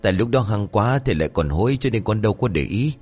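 A man voicing a naive, blunt young male disciple who pleads and wails in a raised, fast voice. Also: lively intonation, faint music behind. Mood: pleading. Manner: pleading, wailing, high and fast.

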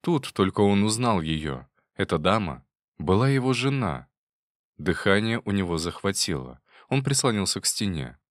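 A man's voice: low-pitched, big pitch swings, moderate pace, no room sound, clean studio sound. Man reading a classic novel aloud. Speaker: narrator. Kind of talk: literary audiobook narration.

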